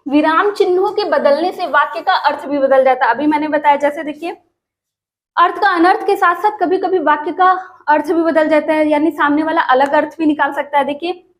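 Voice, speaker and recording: A woman teaching an exam-prep grammar lesson, asking questions and answering them herself and calling her viewers friends. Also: sits high.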